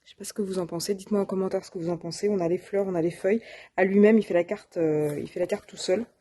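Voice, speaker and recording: A woman's voice: mid-range voice, fairly even intonation, fast, mellow. A woman presenting her shopping haul of craft supplies in a casual, hesitant way, with many fillers and self-corrections. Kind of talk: casual show-and-tell.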